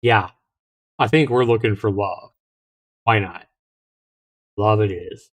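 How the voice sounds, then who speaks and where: A middle-aged man hosts a livestream, reading a visual novel aloud, tossing casual asides to viewers and sometimes stumbling over the text. His voice is lowish and slow, with background noise behind it.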